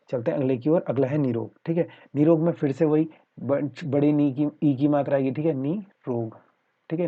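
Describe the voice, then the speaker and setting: Husky-voiced man teaching Hindi, lo-fi. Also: a little high. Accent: Uttarakhand Hindi. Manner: repeats "theek hai" constantly, explaining step by step. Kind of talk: exam-prep Hindi lesson. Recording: muffled lo-fi sound.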